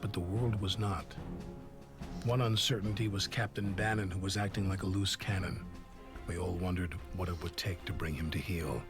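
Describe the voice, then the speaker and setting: Grave game narrator, male actor, deep and solemn over score. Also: fairly even intonation, natural voice. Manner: solemn, measured. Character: grave male war narrator, older soldier. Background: game score music.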